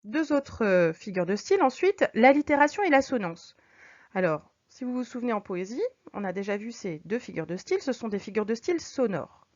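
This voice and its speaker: A woman teacher explaining figures of speech to her students, patient, reading examples slowly and clearly. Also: on the high side, sing-song, darkish tone. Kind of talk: recorded French lesson. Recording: dull lo-fi recording.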